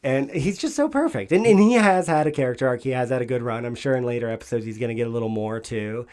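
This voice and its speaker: A man's voice: mid-range voice, animated, fast, darkish tone. Rambling, laughing podcast guy. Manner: rambling, swears freely, laughs often. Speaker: podcast co-host. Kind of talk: casual podcast chat.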